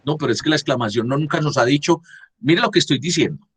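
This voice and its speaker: A man's voice: fairly high pitch, quick pace, a bit bright, breathy edge. A man teaching a class over a video call, explaining grammar step by step and often checking "¿sí?" with his students. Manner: repeats and asks "¿sí?" to check understanding.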